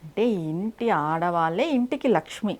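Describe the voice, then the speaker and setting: A woman's voice: on the low side, lively intonation, normal speed, a little mellow, slight background noise. A woman giving devotional advice in a direct, instructive way, often asking rhetorical questions. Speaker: spiritual speaker.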